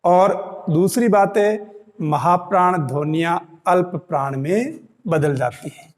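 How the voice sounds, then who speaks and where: A man teaching an exam-prep lesson, speaking slowly and repeating key points for students. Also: high-pitched, in a large hall. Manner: slow, repeats key points, "dhyan dena" reminders.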